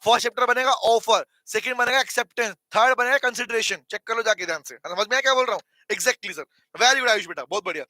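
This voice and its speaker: Indian male lecturer, very high and bright voice, dry close mic, keeps asking students to reply. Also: fast, hardly any pauses, no echo. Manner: addresses students as beta, asks for replies, repeats points; mixes English terms into Hindi. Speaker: teacher. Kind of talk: online commerce law lecture.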